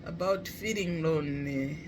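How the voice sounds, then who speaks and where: A man from Malawi, talking slowly and reflectively in a casual vlog, with many pauses and fillers. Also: a little high, background noise. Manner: halting, many pauses and "you know" fillers, clears throat often. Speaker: vlogger.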